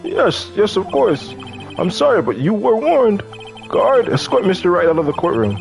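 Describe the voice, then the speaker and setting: A meek old judge, flustered and quick to agree, his voice pitched up and a bit reedy, as a man puts him on. He speaks formally, with small apologetic hesitations. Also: sing-song, gravelly, faint music behind, heavily acted.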